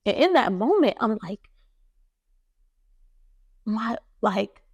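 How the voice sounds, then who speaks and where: A young woman hosting a podcast, recounting a traumatic memory in a halting, emotional way with many fillers and restarts. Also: fairly high pitch, very animated, slightly rough, no room sound, dull audio. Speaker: podcast host. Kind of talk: personal storytelling.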